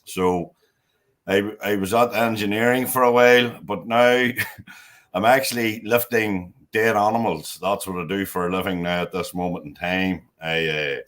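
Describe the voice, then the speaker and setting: Low-voiced Northern Irish man, show regular, joking around in easy chat. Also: steady tone, moderate pace, a bit bright. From Northern Ireland. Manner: joking, chatty, laughs between lines. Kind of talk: casual chat.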